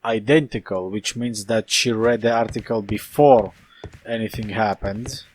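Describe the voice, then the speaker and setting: A man's voice: fairly low pitch, steady tone, measured pace, a little hiss or hum. A man doing a casual let's play commentary, joking, rambling and reading game text aloud.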